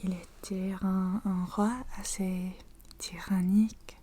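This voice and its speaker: Soft-spoken ASMR woman, French, mellow and unhurried, close intimate whisper. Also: mid-range voice, level tone. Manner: slow, halting whisper with frequent pauses and restarts. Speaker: ASMR creator. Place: indoors at home.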